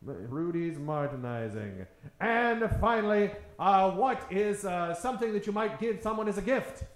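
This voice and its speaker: Playing to a theater audience, this man hosts improv in a mock vintage radio style, theatrical with a wink. He talks in an animated, unhurried way with a high voice. The recording picks up the spacious echo of the stage.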